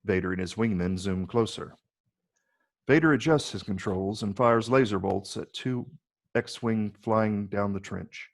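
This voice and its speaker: Reading out a script's stage directions, a man narrates the scripted action in a low register without hurrying. A heavy, gravelly vocal fry runs through his voice.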